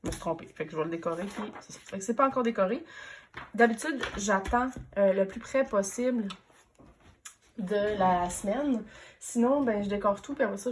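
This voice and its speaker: A woman's voice: mid-range voice, a little hiss or hum. A woman in her thirties with a Quebec French accent, chatting casually in a planner flip-through vlog while still recovering from a throat infection that leaves her voice slightly off. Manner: chatty and relaxed, many hesitations. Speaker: teacher and planner vlogger.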